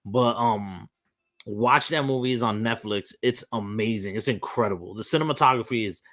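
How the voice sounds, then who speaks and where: A young man hosting a podcast, talking in an animated, emphatic rant full of restarts. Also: fairly low pitch, normal speed. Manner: frequent restarts and fillers. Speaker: podcast host. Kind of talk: casual opinionated chat.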